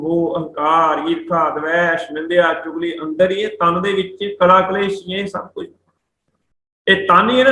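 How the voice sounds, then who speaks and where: High, bright-voiced Punjabi man expounding scripture. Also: roomy sound, rough recording. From India. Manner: slows to chant scripture lines, then explains pronunciation letter by letter. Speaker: principal of a Sikh missionary college, religious teacher. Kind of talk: Sikh scripture exposition.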